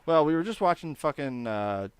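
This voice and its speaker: A man's voice: on the high side, animated, moderate pace, clean tone. A man hosting a podcast in casual chat, joking crudely and swearing a lot. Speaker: podcast host.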